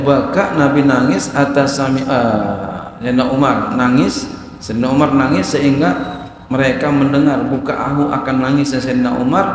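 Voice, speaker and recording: A male religious teacher giving a study lecture, reading Arabic phrases and then explaining them in a lively, casual way with jokey asides. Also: mid-range voice. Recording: very echoey hall, faint noise.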